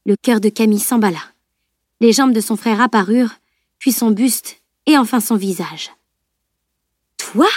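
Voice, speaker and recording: A woman narrating an audiobook with an even, measured reading. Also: fairly high pitch, no room sound, clean studio sound. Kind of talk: scripted narration.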